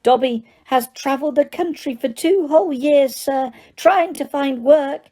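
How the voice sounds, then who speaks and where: A woman putting on a squeaky eager house elf. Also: a little slow, mellow. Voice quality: high squeaky voice. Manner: broken grammar, frequent "sir".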